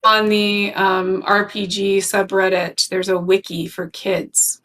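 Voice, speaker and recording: A woman's voice: medium pitch, level tone, slow pace, a bit bright, far from the mic. A woman co-hosting a casual talk stream, chatty and laughing as she reads posts aloud. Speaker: podcast co-host.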